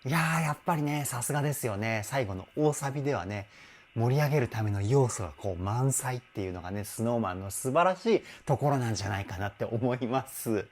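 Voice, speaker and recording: A man's voice: medium pitch, lively intonation, a little fast. A man working as a vocal trainer, chatting enthusiastically in a casual commentary, with hums and interjections. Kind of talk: casual music analysis commentary.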